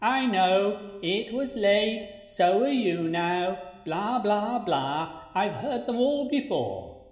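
A woman's voice: mid-range voice, big pitch swings, slow, darkish tone, soft background music. A woman voicing the blunt, sulky ghost of a plain young woman, with curt, needling replies in a radio play. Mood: deadpan. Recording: echoey, roomy sound.

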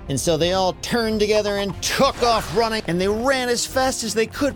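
A man narrating an adventure story for children in an expressive, dramatic way. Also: medium pitch.

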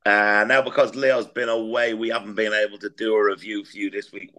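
A man co-hosting a podcast, talking in a relaxed way and prompting his partner. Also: lowish voice, brisk. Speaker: podcast co-host. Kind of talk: casual chat.

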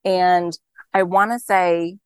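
A woman with a somewhat low voice hosts a relaxed interview, talking enthusiastically and thinking aloud as she goes. The sound is dry and close, with no room around it. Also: takes it slowly, clean tone, dry recording. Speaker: podcast host. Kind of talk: conversational interview.

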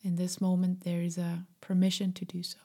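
A woman guiding a meditation in a soft, breathy, half-whispered voice, gentle, soothing and unhurried. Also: lowish voice, monotone. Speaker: meditation guide. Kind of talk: slow guided meditation.

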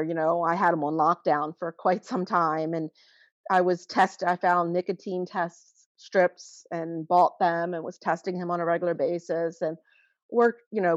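A woman in her forties speaks as a guest about her family, earnest and halting, often restarting her thoughts. Her voice sits fairly low. The recording is dry and a little muffled. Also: no room sound. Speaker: guest, mother of a teen who vaped. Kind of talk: emotional personal account in interview.

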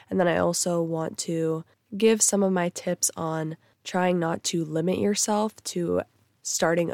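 A woman's voice: fairly low pitch, creaky, a little mellow, no room sound. A young woman hosting a casual solo podcast, tired and a little stuffy from a cold, chatty and full of fillers. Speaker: podcast host.

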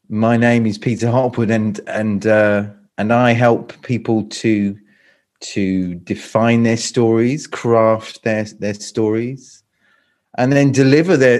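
A middle-aged speaking coach from London, with a British accent and a lowish, darkish voice, chats casually as a guest on a video call in an interview. He sounds hesitant, frequently stopping to restart and repeat his sentences.

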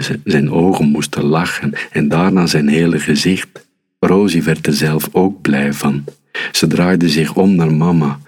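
A man reading a children's story aloud, calm and unhurried. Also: rumbling low, slightly rough.

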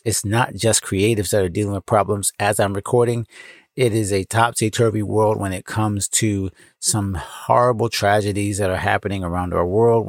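A man's voice: lowish voice, dry recording, studio quality. An American man hosting a podcast, talking to his listeners in an encouraging, emphatic way. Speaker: podcast host and founder. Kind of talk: solo podcast talk, addressing listeners. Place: clothes closet at home.

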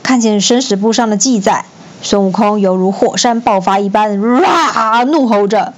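A woman storyteller reading a children's classic aloud in an expressive, lively manner. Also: mid-range voice, normal speed, dull audio.

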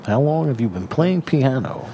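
A man hosting a radio show in a casual, jokey way, laughing often and filling pauses with uh and um. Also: medium pitch, big pitch swings, dark tone, slight background noise.

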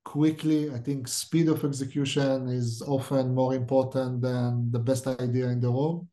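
A middle-aged Israeli startup CEO with an Israeli accent appears as a guest in a podcast interview. His medium-pitched voice is warm, and he speaks directly while thinking aloud.

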